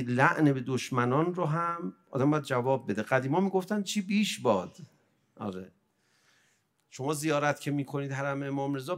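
A man preaching a religious sermon with a voice pitched a little high for a man. He shifts between calm, slow teaching and sudden emotional, pleading peaks. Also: gravelly. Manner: emotive, swings from quiet to loud pleading.

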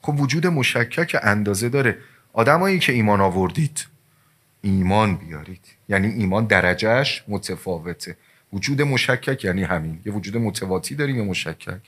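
A man gives a sermon in a low voice that swings sharply up and down. His pitch leaps for emphasis, then drops back as he talks straight to his listeners. The delivery is lively and story-driven. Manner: animated storytelling with sudden rises and drops in pitch and loudness; addresses listeners directly as dear ones. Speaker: preacher.

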